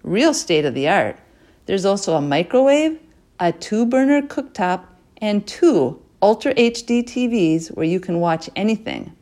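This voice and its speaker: A woman voicing a spry, bossy grandmother who is proud and folksy, talking in a brisk, chatty drawl. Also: mid-range voice, lively intonation, darkish tone, close to an everyday voice.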